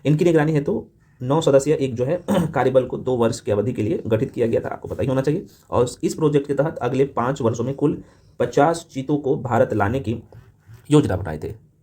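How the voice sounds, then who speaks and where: A man's voice: medium pitch, warm tone, husky. A man teaching an exam revision class in an informal, matey way, often tossing short check-in questions to his listeners. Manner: rapid-fire delivery peppered with short check-in questions. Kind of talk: fast revision lecture to camera.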